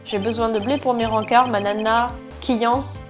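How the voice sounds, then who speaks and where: A woman voicing a goofy, lovestruck young man in a video game, in an excitable, gushing way, over game music. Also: fairly high pitch, unhurried, close to an everyday voice. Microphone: lapel mic.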